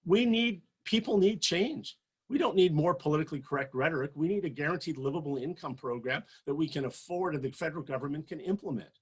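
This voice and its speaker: A man in his sixties, his voice slightly high and husky, campaigns as a political candidate at an event. He speaks with passion and emphasis, building to forceful peaks.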